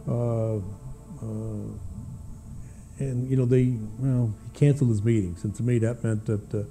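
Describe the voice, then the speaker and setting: An older American man giving unscripted witness testimony in a hesitant, halting way, with frequent uhs and pauses. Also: medium pitch, fairly even intonation, dark tone, faint music behind. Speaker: witness, former government aviation official. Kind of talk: personal testimony, unscripted recollection.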